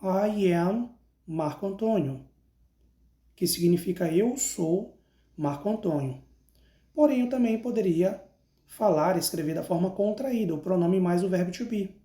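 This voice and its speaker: A man from Brazil teaching an English lesson, calmly explaining and slowly repeating each form twice for students to copy. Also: high voice, roomy sound. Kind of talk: slow classroom lesson with repetition drills.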